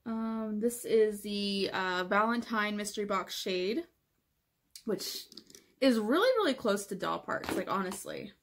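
A young woman vlogging casually about her makeup collection, chatty, with many "like" fillers and soft whispered asides. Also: medium pitch, lively intonation, measured pace. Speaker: beauty vlogger.

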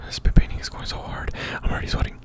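A young man delivers a whispered role-play in tingly ASMR mouth-sounds style. His breathy whisper sits right on the microphone. He is playful and halting, often circling back over the same phrase. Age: young adult. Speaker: ASMR video host. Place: small home studio room. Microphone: close desk microphone at the lips.

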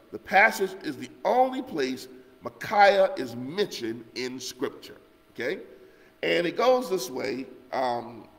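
A man's voice: medium pitch, vocal fry, a bit bright. Man teaching Bible class, echoing hall. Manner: explanatory, often checks in with "okay?". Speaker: Sunday school teacher. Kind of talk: Bible lesson with scripture reading. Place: church.

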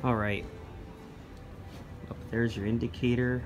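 A man narrating a handheld walkthrough of a store elevator, slow and enthusiastic, recorded on a phone indoors. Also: mid-range voice, flat delivery. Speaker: elevator video vlogger. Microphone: phone camera held in hand.

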